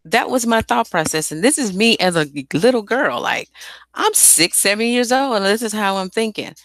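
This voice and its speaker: Here a woman who writes and sings her own songs chats off the cuff about her music, using informal slang and plenty of profanity in a light, airy voice. She speaks at medium pitch with a sing-song lilt, a moderate pace and a fairly bright sound, recorded without echo.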